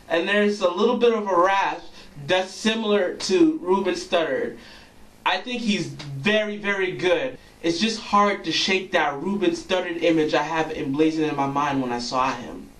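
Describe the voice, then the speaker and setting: A man's voice: high-pitched, a bit bright. A young man hosting his own vlog, giving casual, joking, opinionated commentary on singing auditions. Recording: echoey room, mic at a distance.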